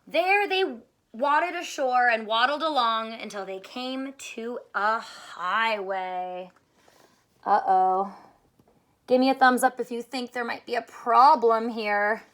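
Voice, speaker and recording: Reading a storybook to her young students, a teacher speaks expressively and breaks off to ask questions and make asides directly to the children. She talks slowly in a slightly high, somewhat bright voice.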